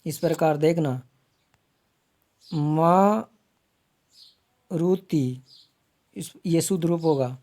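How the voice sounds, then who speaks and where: A man teaching Hindi grammar for exams, repeating each word slowly to spell it out and calling viewers his friends. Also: fairly high pitch, steady tone, dark tone. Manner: slow, repeats words to spell them out. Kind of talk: exam-prep lesson.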